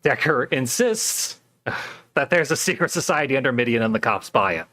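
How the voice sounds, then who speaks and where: A man's voice: medium pitch, expressive, moderate pace, pushed and bright. A man co-hosting a casual film podcast, recapping plot steadily and adding dry, wry remarks. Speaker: podcast co-host.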